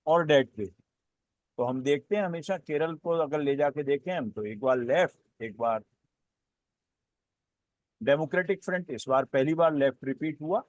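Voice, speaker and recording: A man speaking as a political analyst on a panel, building his points in a measured way with repeated phrases. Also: on the high side, dry recording. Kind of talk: panel discussion commentary.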